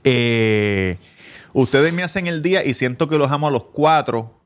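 A man with a Puerto Rican Spanish accent, co-hosting a podcast from a barbershop. He jokes loudly and teases the others in crude, casual banter. His voice sits at an ordinary middle pitch. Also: lively intonation, measured pace. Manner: loud, joking, teasing. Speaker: podcast co-host.

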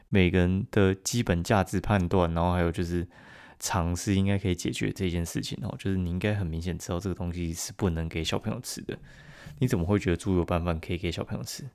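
A man with a Taiwanese Mandarin accent hosting a casual solo podcast, blunt and profane, laughing at his own stories and jumping louder and higher when he mimics other people. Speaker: podcast host.

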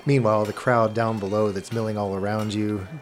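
A man's voice: lowish voice, level tone, fairly quick, slight background noise. A man running a tabletop game as game master, narrating scenes in an easygoing, descriptive way and laughing often.

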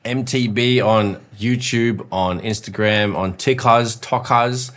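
A man's voice: mid-range voice, slow, a bit bright. A man co-hosting a podcast, chatting in slangy, sweary, laddish banter. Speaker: podcast co-host. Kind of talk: casual banter chat.

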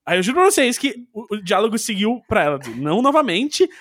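A man's voice: high-pitched, very animated, fast, a bit bright, no echo, clean studio sound. A man co-hosting a podcast, telling a story in a casual, stammering, self-mocking way. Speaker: podcast co-host. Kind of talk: casual chat.

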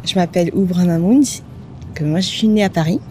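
A woman in her thirties who grew up in Madagascar, telling her path as an interview guest in a lively way, with fillers. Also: fairly low pitch, fairly quick, slight background noise. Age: 30s. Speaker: podcast guest. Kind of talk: casual interview talk.

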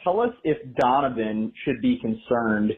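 A man's voice: medium pitch, expressive, unhurried. A man leaving a casual voicemail message for the hosts, upbeat and explaining step by step. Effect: voicemail played over a phone line. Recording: tinny phone-line voicemail.

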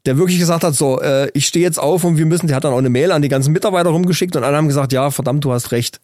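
Animated man telling stories, dry close sound. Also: on the high side, rapid-fire, no room sound. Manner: animated storyteller, laughs often. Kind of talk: casual chat.

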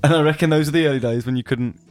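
A man's voice: on the high side, a little hiss or hum. A man, a guest on a podcast, joking back and forth with the host. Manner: fast, joking banter. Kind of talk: casual podcast chat.

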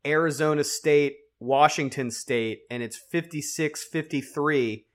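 A man co-hosting a casual sports betting podcast, rambling and animated, with plenty of likes and restarts. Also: a little high, unhurried. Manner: rambling and animated, heavy on fillers. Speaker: podcast co-host and betting analyst.

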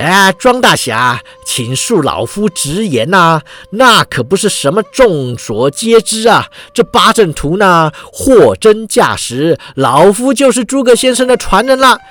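A man's voice: sits high, very animated, unhurried, a bit bright, voice pushed up, exaggerated voice. A man voicing a boastful, cowardly old male charlatan immortal who protests in a flustered, whiny way. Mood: smug.

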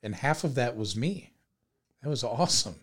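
A man's voice: mid-range voice, lively intonation, moderate pace, a bit bright. A man co-hosting a casual podcast chat, joking and laughing often as he tells stories. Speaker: podcast co-host.

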